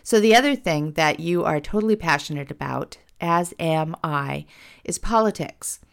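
A middle-aged woman with a fairly low voice, slightly hoarse from a cold, hosts a laid-back podcast at a normal speed. She comes across as animated and ready to laugh at herself.

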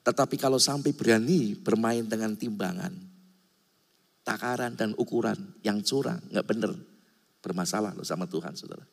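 A man's voice: fairly low pitch, normal speed, creaky. A male pastor preaching a sermon in a church hall, speaking emphatically and often calling his listeners brothers and sisters. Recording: long hall reverb.

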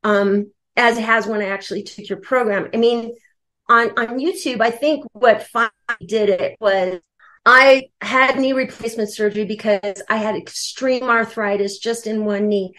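A woman's voice: fairly high pitch, steady tone, normal speed, fairly bright tone. A woman guest telling her own story candidly and emotionally, with lots of fillers. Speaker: coaching client and guest. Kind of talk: candid personal testimony.

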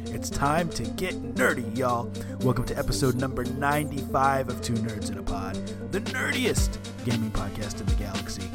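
A man hosting a gaming podcast, delivering a hyped, drawn-out, announcer-style show opener. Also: medium pitch, sing-song, over loud music. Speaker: podcast host.

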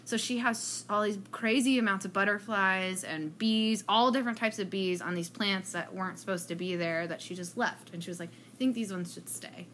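A woman's voice: medium pitch, moderate pace, few pauses, a bit bright, a little hiss or hum. A woman hosting a podcast in casual chat, laid-back and upbeat. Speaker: podcast host.

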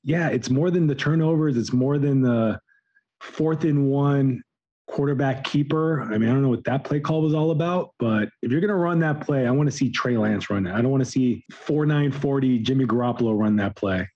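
A man co-hosts a casual sports show with a slightly raspy, mid-pitched voice. He is critical and opinionated, on somewhat dull, lo-fi audio. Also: moderate pace, a little mellow. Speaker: podcast co-host.

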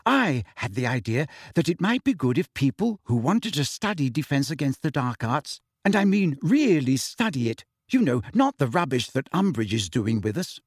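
A man's voice: medium pitch, big pitch swings, normal speed, hardly any pauses, husky, no room sound, clean studio sound. A man voicing a nervous, earnest teenage girl who fumbles with fillers and then speaks firmly.

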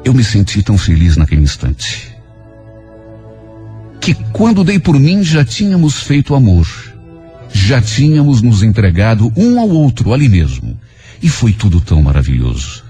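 A man narrating a dramatic first-person story for radio in an expressive storytelling voice. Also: fairly low pitch, normal speed, husky. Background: soft music.

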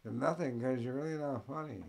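A man ranting in mocking commentary as the host, full of profanity and loud mimicking bursts. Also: medium pitch, a little fast, gravelly.

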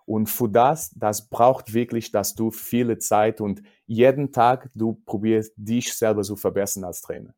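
In a casual interview, a Portuguese-accented judo coach struggles for words in non-native German, pausing haltingly and repeating himself. He has a fairly low-pitched, steady, mellow voice.

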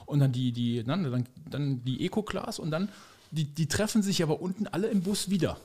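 A man's voice: on the high side, fairly quick, very noisy. A man co-hosting a podcast in casual chat, a rambling, sarcastic storyteller full of fillers. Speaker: podcast co-host.

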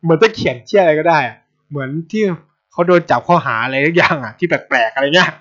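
A fast-talking Thai man with a fairly high voice hosts a podcast, telling stories in a blunt, animated, casual manner heavy with swearing, captured in dull lo-fi sound.

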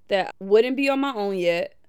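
A woman in her twenties from Milwaukee, hosting a podcast in a casual, animated way and laughing often. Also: medium pitch, moderate pace, clear, resonant tone. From Milwaukee, USA. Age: 20s. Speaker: podcast host. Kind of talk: casual reflective podcast talk.

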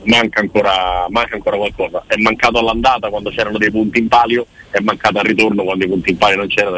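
A man's voice: on the low side, pushed and bright, poor audio. A man giving casual on-air sports analysis in a discursive, opinionated way. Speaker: sports commentator.

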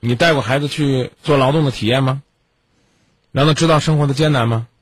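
A man's voice: medium pitch, fairly quick, husky, no echo. A man hosting a radio call-in advice show, scolding a caller in a stern lecture full of pointed questions.

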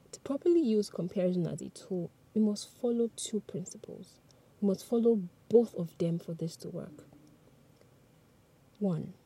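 This is a fairly low, mellow, slightly rough female voice. The speaker, whose mother tongue is Yoruba, is reading a motivational script for a podcast, addressing her listener head-on in an earnest, friendly manner.

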